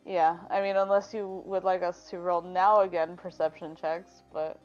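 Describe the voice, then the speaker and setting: A woman's voice: on the low side, flat delivery, moderate pace, darkish tone, muffled recording, faint music behind. A woman chatting casually as a player in a tabletop roleplaying game.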